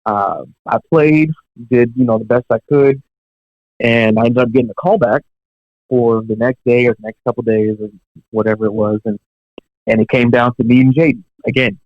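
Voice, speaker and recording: A chatty young man of medium pitch, a professional touring drummer appearing as a podcast guest, tells stories at normal speed. Relaxed, he fills his talk with fillers and asides and chuckles along, heard through dull, dry lo-fi audio without echo.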